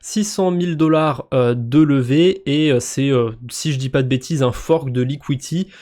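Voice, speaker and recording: A man's voice: medium pitch, normal speed, dark tone. A man with a French accent hosting a crypto news roundup, talking casually and hesitantly with lots of fillers and restarts.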